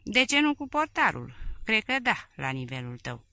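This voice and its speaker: A woman's voice: lowish voice, big pitch swings, dry recording, exaggerated voice. A woman voicing a contemptuous older wife who sneers at her husband's aides. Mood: sneering. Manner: sharp, sneering.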